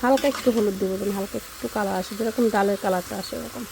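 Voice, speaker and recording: A woman's voice: medium pitch, steady tone, racing, creaky, noisy background. A woman, chatting casually and rambling with many fillers as she vlogs while cooking at home. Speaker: vlogger. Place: home kitchen and yard.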